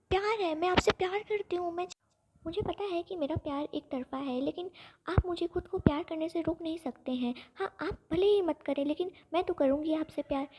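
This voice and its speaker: A woman's voice: extremely high pitch, a little mellow, a little hiss or hum. A woman voicing a stubborn, hurt young woman who is lovesick, curt and pleading by turns, in a storybook reading.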